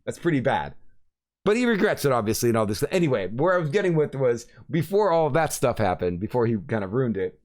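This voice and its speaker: A man's voice: mid-range voice, big pitch swings, a little fast, darkish tone. A man hosting a podcast, chatting casually and rambling through a story with many fillers. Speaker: podcast host. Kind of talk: casual chat.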